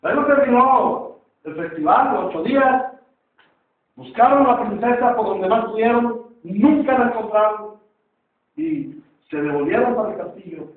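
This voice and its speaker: A man preaching in Spanish who tells a story to his congregation, with drawn-out, emphatic phrases, heard on a tinny, echoey recording from far off. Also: extremely high pitch, expressive. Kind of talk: sermon with storytelling. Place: church.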